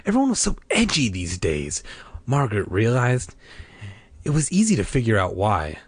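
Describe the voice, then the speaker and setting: A man's voice: medium pitch, huge pitch swings, normal speed, slightly rough, no room sound. A man reading a children's book aloud in a playful way, tossing in wisecracks between passages. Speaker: reader.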